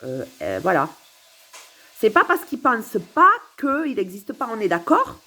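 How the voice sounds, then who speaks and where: A woman's voice: medium pitch, huge pitch swings, measured pace, sharp tone, slightly rough. A woman recording a rambling, philosophical monologue to camera at home, musing, giggling and repeating herself. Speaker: vlogger.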